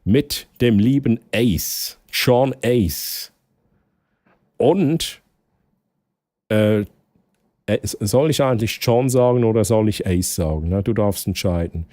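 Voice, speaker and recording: A young Swiss man streaming live in casual chat with a Swiss German accent, excitable and prone to loud outbursts. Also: slow pace, long pauses, no echo, clean studio sound. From Switzerland. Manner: excitable, bursts into loud high exclamations and laughter.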